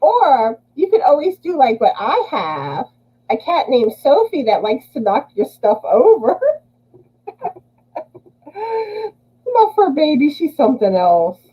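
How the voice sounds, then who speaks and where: This Southern US livestream host greets chat viewers by name and laughs a lot while doing so. Her high-pitched voice swings hugely in pitch, moving slowly with frequent pauses, and the audio is dull.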